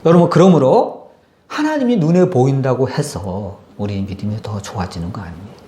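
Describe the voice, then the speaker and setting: A male pastor preaching a sermon, telling stories with big swings from loud exclamations to hushed near-whispers. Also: mid-range voice, lively intonation, a little fast, echoey room, slight background noise.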